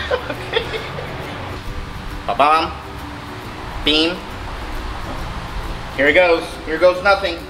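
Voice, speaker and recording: Excitable fishing vlogger guy, high voice that jumps all over, music playing under him. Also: extremely slow, pauses often, poor audio. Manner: excitable, joking, bursts of exclamations. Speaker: fishing channel host. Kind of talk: casual outdoor vlog chat. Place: outdoors under a concrete bridge by water. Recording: background music under the talk.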